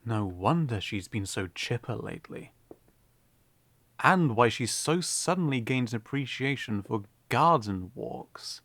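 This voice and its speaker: A man's voice: medium pitch, creaky, fairly bright tone, slightly rough, no room sound, exaggerated voice. An actor playing a young prince who fears his father, laughing nervously and then giving firm orders in a fantasy audio drama. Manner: nervous laughing, turns commanding.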